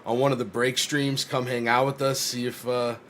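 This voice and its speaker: A man hosting a casual livestream, talking in a relaxed, friendly way with many fillers. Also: mid-range voice, moderate pace, slight background noise. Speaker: stream host.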